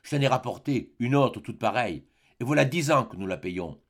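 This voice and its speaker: A man's voice: mid-range voice, lively intonation, a little fast. A man reading the lines of a worn-down, proud woman who was once a beauty, in an earnest, plain-spoken way.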